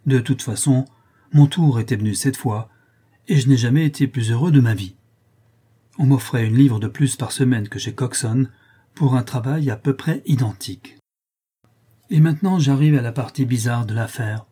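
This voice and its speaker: A man calmly narrating a classic story as an audiobook reader, with measured storytelling. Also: medium pitch, slightly rough.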